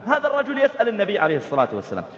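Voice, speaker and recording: High-voiced, fast-talking preacher. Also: male voice. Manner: lively storytelling, acting out family dialogues, chanting verses. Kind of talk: sermon. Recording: dull, reverberant hall recording.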